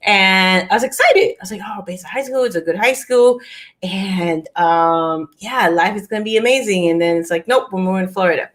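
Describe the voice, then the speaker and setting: Speaking at a normal speed in a mid-range voice, this Peruvian woman in her forties co-hosts a casual video-call chat where she shares something from her own life. She laughs often and stays lively, stumbling through plenty of fillers and false starts.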